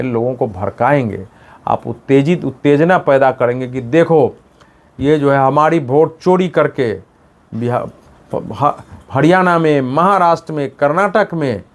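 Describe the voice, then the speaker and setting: A middle-aged man delivers a political commentary as a senior journalist, speaking emphatically. He often breaks off and restarts words mid-sentence. His pitch sits in an ordinary middle range. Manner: emphatic, mimics slogans with rising pitch; frequent self-corrections mid-word.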